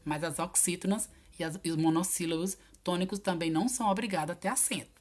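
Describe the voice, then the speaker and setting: A woman teacher, patiently going over homework answers in a recorded video lesson and spelling out each word slowly. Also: lowish voice, a little mellow. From Piauí, Brazil.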